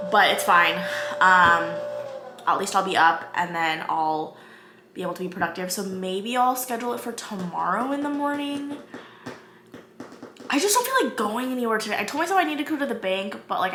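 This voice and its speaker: A woman's voice: mid-range voice, pushed and bright, a little hiss or hum, rough recording. A woman in her twenties rambling casually while filming herself at home with a handheld camera, full of "like" and "um". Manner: chatty, rambling, lots of "like" and "um". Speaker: vlogger. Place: at home, bedroom closet.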